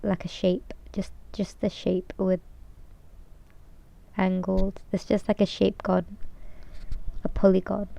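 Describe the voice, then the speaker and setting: This young VTuber chats in a rambling, casual way, full of fillers, restarts and hesitation, and a cold makes her sound nasal. Her gravelly, mellow voice sits at medium pitch with little pitch movement, and she takes it slowly with long pauses. The audio is dull.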